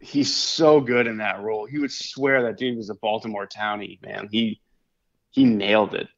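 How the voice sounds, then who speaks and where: A man co-hosts a podcast in loose, casual chat, laughing often and throwing in plenty of "dude" and "man." His voice has a gravelly, creaky edge. The recording sounds slightly dull and lo-fi. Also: lowish voice, fairly even intonation, normal speed. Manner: laid-back, laughs often, peppers talk with "dude" and "man". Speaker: podcast co-host.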